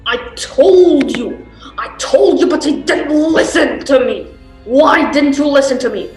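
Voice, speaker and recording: A woman's voice: high-pitched, measured pace. Woman playing a frantic panto heckler calling out warnings. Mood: exasperated. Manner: panto-style call-outs, pleading and shouting warnings to the characters. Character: frantic, exasperated horror-movie-style audience member yelling warnings at the story. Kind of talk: comic stage theatre acting. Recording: roomy stage sound, faint music.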